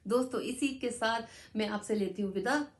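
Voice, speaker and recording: A woman's voice: a little high, normal speed. Earnest woman sharing a personal story. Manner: earnest and emotional, addresses viewers as friends. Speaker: actress sharing a life story. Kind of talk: heartfelt personal storytelling to camera.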